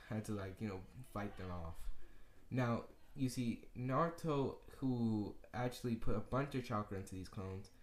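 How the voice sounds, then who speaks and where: A man's voice: on the low side, a little mellow. A young man improvising a fan-fiction story aloud, rambling with fillers and correcting himself as he goes. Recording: echoey room.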